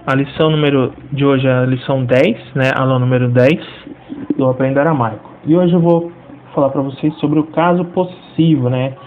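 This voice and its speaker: A man's voice: medium pitch, steady tone, brisk. Brazilian man teaching over tinny audio. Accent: Brazilian Portuguese. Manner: explanatory, fills with frequent tag questions. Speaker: language teacher. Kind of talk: video lesson. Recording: tinny lo-fi audio with faint hiss.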